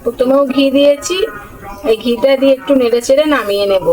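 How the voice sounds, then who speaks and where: A woman giving a home cooking demonstration, talking slowly and softly because she is unwell, in her kitchen. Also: sits high, low-quality recording.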